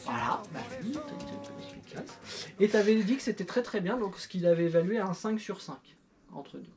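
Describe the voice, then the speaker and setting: Speaking briskly at a medium pitch, this middle-aged mother and YouTuber casually reviews an old record alongside her child. She pokes fun at herself in a playful way and uses many fillers, with music in the background.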